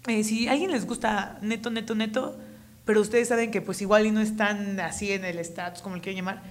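A young woman with a Mexican accent co-hosting a podcast, talking in a lively, slangy way and laughing often. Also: mid-range voice, brisk. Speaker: podcast co-host. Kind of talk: casual chat.

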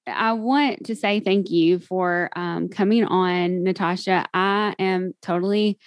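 Speaking slowly with a lowish voice and fairly even intonation, a Kentucky woman with a Southern US accent hosts a casual podcast interview. She's chatty and giggly, using many fillers, and the studio sound is clean with no echo.

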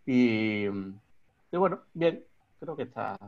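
Through lo-fi sound comes a medium-pitched man's voice with lively intonation at a slow pace. He's a guest in his thirties from Extremadura, Spain, with an Extremadura accent, speaking hesitantly in a remote interview with many fillers and restarts.

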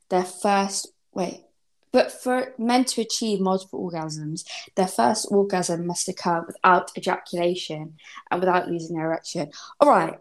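A woman, chatting casually and frankly as a podcast host. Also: fairly low pitch. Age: 20s. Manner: frank, informal, swears. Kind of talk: casual chat.

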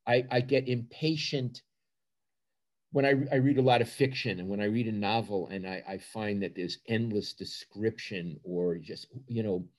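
An older sports journalist with a Brooklyn accent answers interview questions in short, punchy phrases, repeating himself for emphasis. His voice is fairly low and his speed normal.

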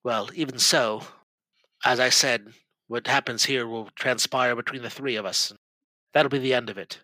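A man voicing a gentle, anxious temple brother who stammers earnestly. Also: mid-range voice, fairly even intonation, moderate pace, no room sound, natural voice, poor audio.

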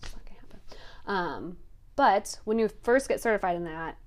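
A woman with a medium-pitched, lively voice hosts a fitness podcast at a moderate pace. As a fitness instructor, she casually walks her guest through a workout class format step by step, often checking in with "you know what I mean."

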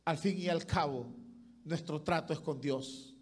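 A man preaching. He delivers an impassioned sermon as pastor, rising to loud calls and dropping to hushed asides. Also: on the high side, unhurried.

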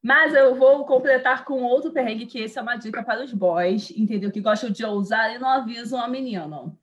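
Woman, a bit high-pitched, lively casual storyteller, full of slang. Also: brisk. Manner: animated, slangy, laughs while telling.

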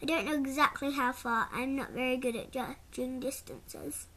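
A woman's voice: high-pitched, moderate pace, a bit bright. A woman voicing a cheeky young boy in a storybook, blunt and grumbling. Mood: plain.

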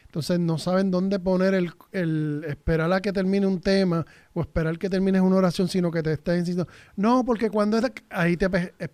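A man's voice: high voice, level tone, fairly quick, darkish tone, clean tone, no echo. A man in a casual chat, rambling and mixing in English words.

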